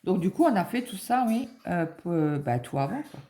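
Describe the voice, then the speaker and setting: A woman's voice: on the low side, big pitch swings, normal speed, dark tone. A middle-aged woman chatting casually on a vlog, rambling with many fillers as she acts out a conversation. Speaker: vlogger. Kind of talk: casual chat, retelling an appointment.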